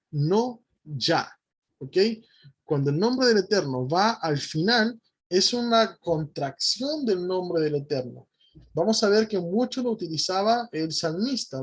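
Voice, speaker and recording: A man's voice: fairly high pitch, slightly rough. A man teaching a Bible lesson to his congregation, methodically spelling out letters and often checking in with his listeners.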